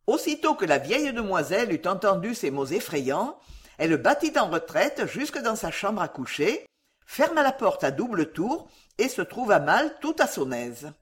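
A woman narrating a classic novel as an audiobook in an expressive storytelling manner. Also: medium pitch, moderate pace, breathy edge. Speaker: audiobook reader.

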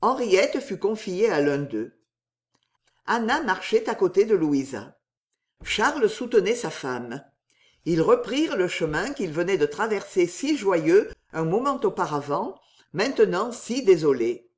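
A woman narrates a classic novel aloud in an audiobook style. Her delivery is dramatic and expressive, with a pitch that moves lively over a mid-range voice. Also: measured pace.

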